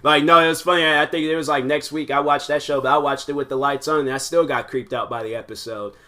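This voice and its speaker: Young man, twenties, podcast host, bright tense voice, rambling, casual monologue. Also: fairly high pitch, steady tone, quick pace. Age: 20s. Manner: rambling, full of "like" and restarts.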